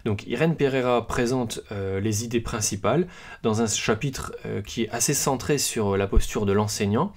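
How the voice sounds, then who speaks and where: Presenting a book on his podcast, this man speaks in a loose, unscripted way, hesitating with lots of fillers, pauses, and restarts, and adding self-deprecating humor. His voice is medium-pitched.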